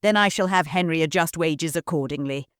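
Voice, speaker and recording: A woman's voice: sits low, fairly quick, clear, resonant tone, no room sound, studio quality, lightly acted. A woman voicing a haughty, bossy social-climbing lady of the house who snaps out orders. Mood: haughty, snappish. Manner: snappish, bossy, prim.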